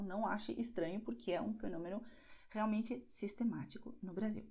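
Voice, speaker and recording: A woman's voice: mid-range voice, mellow. Patient woman teaching pronunciation. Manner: patient, spells out vowels and slows to drill example words. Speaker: language teacher. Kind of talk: beginner pronunciation lesson.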